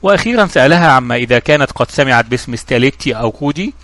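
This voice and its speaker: A man narrates an audiobook at a brisk clip, with a steady reading style. The recording is dry and close to the mic. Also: medium pitch, dry recording.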